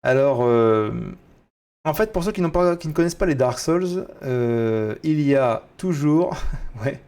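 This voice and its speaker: A French man casually commenting on a video game he is streaming, chatty and excitable. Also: on the high side, unhurried, smooth. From France. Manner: chatty, excitable, swears at setbacks.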